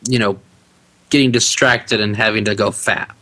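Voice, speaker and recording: A man talking as a podcast guest about narrating audiobooks, relaxed and chatty, laughing easily. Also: on the low side, moderate pace. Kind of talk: casual interview chat.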